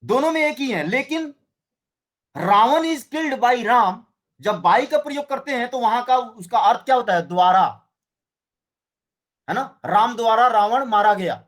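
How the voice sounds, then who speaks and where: A man teaching a Hindi grammar lesson, explaining slowly and often checking with his students. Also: very high voice, lively intonation, fairly bright tone. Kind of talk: classroom lecture.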